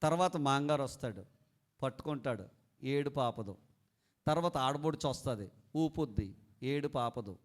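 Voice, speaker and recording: A man's voice: mid-range voice, animated, moderate pace, pauses often. A man preaching a sermon as pastor, leading the congregation to repeat after him, telling homely stories and asking them questions. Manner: fervent preaching, leading a congregation in call-and-response and shouted prayer; asks listeners questions and tells homely stories.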